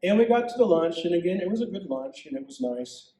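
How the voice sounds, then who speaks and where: A male pastor preaching a sermon as a dramatic story told in the first person, with lively asides as he voices the characters. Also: high-pitched, fast, a little hiss or hum. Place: church sanctuary. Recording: echoey church heard from a distance.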